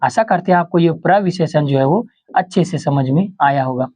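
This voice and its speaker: Here a man with a somewhat dark tone teaches Hindi grammar to exam candidates. His style is to question and then answer himself, say every example twice, and linger low and slow over the key terms.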